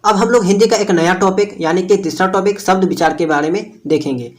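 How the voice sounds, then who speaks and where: Hindi teacher going over exam points. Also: male voice, high voice, a little fast. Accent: Jharkhand Hindi. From India. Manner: repeats "thik hai" and "jo hai" while explaining, checks with listeners often. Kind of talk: explaining a lesson to students.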